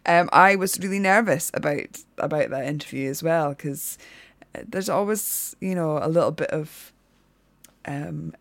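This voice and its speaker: A woman's voice: sits low, unhurried, creaky, no room sound. A woman with a Shetland accent, hosting and chatting reflectively to her listeners. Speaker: podcast host.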